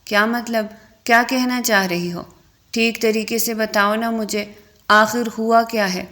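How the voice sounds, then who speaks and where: Lady reading a bossy young guy telling off his friend, stern, her voice stays kinda high. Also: fairly even intonation, fairly bright tone, lightly acted. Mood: surprised. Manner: stern, scolding. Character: young man, blunt scolding friend.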